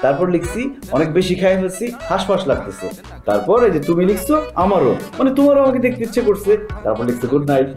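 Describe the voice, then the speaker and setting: Cheeky boastful young boyfriend. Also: male voice, high voice, sing-song, darkish tone, soft background music. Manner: playful, boastful, quick-talking. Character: cheeky young boyfriend sneaking into girlfriend's room. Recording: roomy echo.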